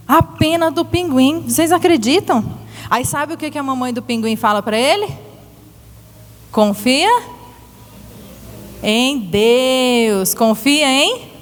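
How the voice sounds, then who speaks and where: A woman telling a Bible story to children in a church, animated and asking them questions. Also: high-pitched, big-room sound. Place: church hall.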